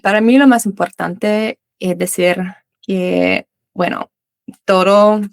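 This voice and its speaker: The voice is mid-range, slow and creaky, with no echo: a young Australian woman, native in English and working as an English teacher. She's a guest in a casual interview chat, responding in learner Spanish with Uruguayan voseo, restarting often and using many fillers.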